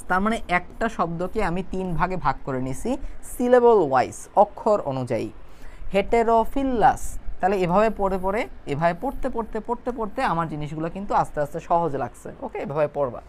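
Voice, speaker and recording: A young male teacher giving an online video class. He slows down to sound out long scientific names syllable by syllable and keeps asking his students if they understand. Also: sits high, sing-song. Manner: spells out hard terms slowly syllable by syllable, often checks understanding. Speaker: biology teacher.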